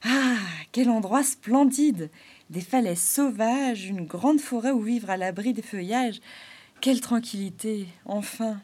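This is an eager little harlequin spirit, played by a woman reading aloud. He talks in high, bright exclamations and chatters happily. The storybook telling stays soft and gentle around him. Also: slow. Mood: delighted. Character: cheerful male harlequin spirit on a spring.

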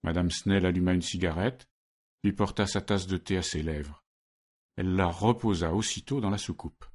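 A male narrator with a very deep voice reads a story. His delivery is measured and steady. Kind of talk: scripted narration.

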